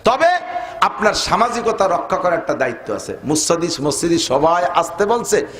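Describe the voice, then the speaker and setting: A man's voice: moderate pace, roomy sound. A man preaching a humorous sermon, swinging his voice up and down and asking the crowd questions. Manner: animated and humorous, with pitch leaps and rhetorical questions.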